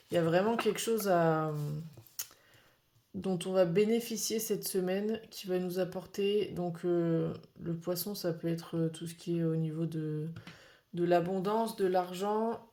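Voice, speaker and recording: A French woman giving a casual weekly card reading, pausing often with fillers and restarts. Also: lowish voice, mellow. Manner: hesitant, many fillers and restarts. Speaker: tarot card reader.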